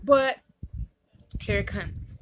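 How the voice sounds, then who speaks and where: A woman's voice: mid-range voice, drawn-out words, background noise. A woman vlogging to her viewers, chatting in a rambling way with many fillers and restarts, and sounding tired. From California. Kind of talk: casual vlog chat.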